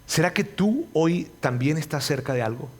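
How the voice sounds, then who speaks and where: A man preaching a sermon, earnest and pleading, repeating his phrases and telling the story with sudden loud and quiet turns. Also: on the high side, lively intonation, normal speed, husky.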